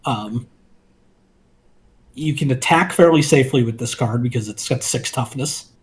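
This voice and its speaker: A man with a mid-range voice co-hosts a card game review, speaking in a measured, analytical way with some filler ums.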